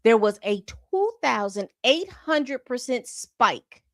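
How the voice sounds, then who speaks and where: A woman's voice: on the high side, sing-song, slow pace, fairly bright tone, no echo. A woman hosting a commentary channel, reading from a report and breaking off into exasperated asides. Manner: reads documents aloud then comments with exasperated asides.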